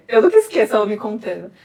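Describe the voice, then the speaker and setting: A woman's voice: fairly high pitch, sing-song, a little fast, a little mellow, far from the mic. Woman doula telling a story. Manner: storytelling, laughs at herself. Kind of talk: casual podcast chat.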